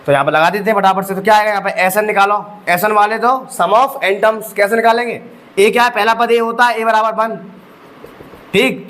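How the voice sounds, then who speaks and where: Male maths tutor, high pitch, young adult, exam-prep lecture, rhetorical questions. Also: pushed and bright. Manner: talks students through each step with rhetorical questions; addresses students as bhai sahab. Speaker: maths teacher.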